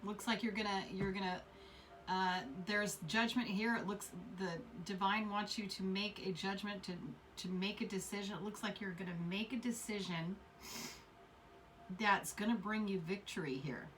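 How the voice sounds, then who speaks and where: A woman's voice: mid-range voice, fairly even intonation, normal speed, a bit bright, recorded from a distance, slight background noise. A woman doing a casual tarot reading, rambling and repeating herself with many fillers. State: coughing fits. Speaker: tarot reader.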